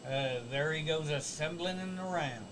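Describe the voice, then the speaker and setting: A man co-hosting a casual wrestling talk show, speaking haltingly with many filler sounds. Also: a little high, fairly bright tone, a little hiss or hum. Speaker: co-host.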